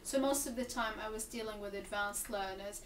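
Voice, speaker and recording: A woman's voice: mid-range voice, a little fast, a little hiss or hum. Young woman, echoey and distant. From Gaza Strip, Palestine. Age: 20s. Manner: thoughtful, hesitant with frequent ums and restarts. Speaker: interviewee, English teacher and graduate student. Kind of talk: interview answers. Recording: echoey room, mic at a distance, faint ambience.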